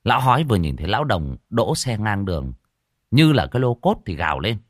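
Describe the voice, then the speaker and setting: A man narrating an audio story in a lively storytelling voice. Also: fairly low pitch, a little fast, no echo, clean studio sound.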